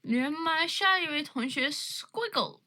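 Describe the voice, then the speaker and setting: A woman's voice: sits high, expressive, a little slow, sharp tone, low-quality recording. A teenage girl with a British accent, hosting a casual livestream chat and switching between languages. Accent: British English, Birmingham. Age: teens. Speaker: livestream host. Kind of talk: casual live video chat.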